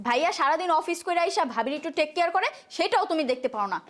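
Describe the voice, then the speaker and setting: A woman's voice: extremely high pitch, lively intonation, racing. A woman playing an exasperated pregnant young daughter in a comedy skit, lecturing her mother in an argumentative way.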